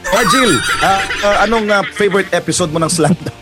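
A man's voice: sits high, brisk, loud music behind the voice. A man hosting a casual group chat about anime, joking and laughing often. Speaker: podcast host.

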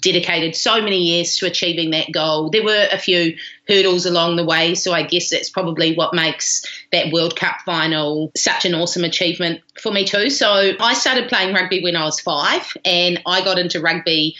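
A woman's voice: on the low side, normal speed, pushed and bright, highs cut off. A woman from New Zealand with a broad Kiwi accent, telling her story casually as an interview guest. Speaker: podcast guest, pilot and former rugby player.

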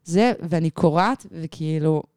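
A woman in her thirties, a podcast guest, telling a personal story in an animated, rambling way full of fillers. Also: low-pitched, clear, resonant tone, no room sound, studio quality. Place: podcast studio.

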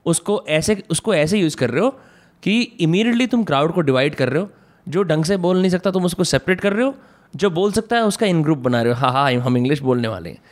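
A man's voice: high-pitched, lively intonation, a little fast. A man hosting a casual conversation, speaking reflectively and mixing Hindi and English.

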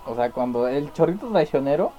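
A man's voice: a little high, animated, brisk, dull audio, soft background music. A man co-hosting a radio show, bantering and joking playfully. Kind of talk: casual banter.

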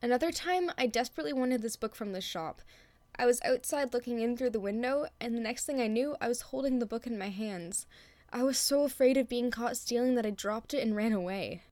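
Man doing a high, eager young girl. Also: fairly quick, a little mellow, no echo. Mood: timid. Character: bright, eager young girl, anxious then thrilled. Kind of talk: audiobook character reading.

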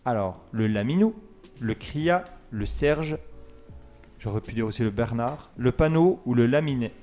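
A man's voice: mid-range voice, expressive, unhurried, mellow, faint music behind. A man hosting a casual radio quiz, reading multiple-choice questions, counting down and joking with his co-hosts. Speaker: quiz host.

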